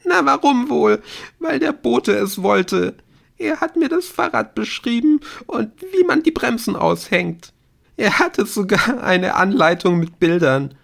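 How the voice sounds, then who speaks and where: A man reading an audiobook, voicing a frightened teenage girl who pleads in a high, shaky voice. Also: slow, creaky, fairly bright tone, full character voice. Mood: panicked.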